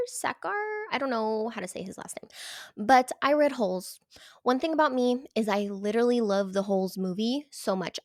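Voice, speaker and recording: An emphatic, animated woman chats casually about books, and her voice sits a bit higher than most. She often drops into a whisper for effect. The sound is close and dry. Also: no room sound. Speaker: book reviewer. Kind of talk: casual chat.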